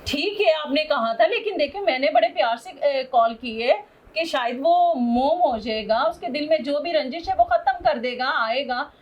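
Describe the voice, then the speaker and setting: Pakistani woman, high voice, upset caller, scolding and pleading. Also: expressive, moderate pace, highs cut off. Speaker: caller, estranged wife. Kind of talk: angry phone call to husband.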